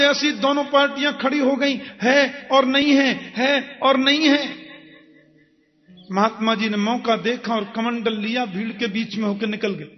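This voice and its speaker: A male preacher giving a devotional katha sermon, telling stories slowly and chanting Sanskrit verses in a sung tone. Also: very high-pitched. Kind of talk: Bhagwat katha sermon with storytelling. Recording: dull sound with long hall reverb and faint music.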